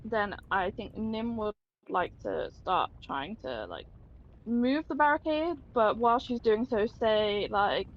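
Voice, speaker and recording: A woman's voice: medium pitch, expressive, takes it slowly, dull audio. A woman playing a tabletop game, hesitant with many fillers. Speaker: player.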